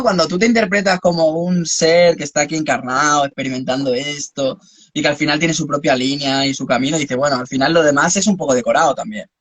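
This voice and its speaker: Man, philosophical musing, slightly raised pitch, dry close sound. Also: fairly bright tone, breathy edge, no room sound. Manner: philosophical, musing, speaks in long spiritual reflections. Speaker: host. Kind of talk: reflective conversation.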